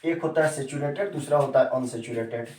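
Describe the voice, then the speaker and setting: A man's voice: mid-range voice, brisk, darkish tone, slight background noise. A male chemistry teacher giving a classroom lesson who repeats key terms and keeps quizzing his students with questions. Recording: echoey room, mic set far off.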